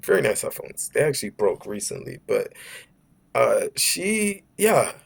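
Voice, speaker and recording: A young man with a New York accent tells a story straight to camera, his voice sitting at an ordinary pitch. He rambles and restarts often, leaning on "like" and "bro" as he goes. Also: a little slow, vocal fry, slightly rough. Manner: rambling, heavy use of "like", "bro" and "right?"; animated, frequent restarts. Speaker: vlogger. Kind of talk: casual storytime monologue.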